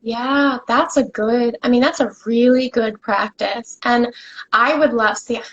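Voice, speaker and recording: A woman guest speaks on a podcast in a fairly high voice, with an energetic, emphatic, motivational delivery. She sounds like a coach pressing her points home. The recording is dull and lo-fi. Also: unhurried. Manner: energetic and emphatic, with repetitions and restarts. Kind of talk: motivational casual conversation.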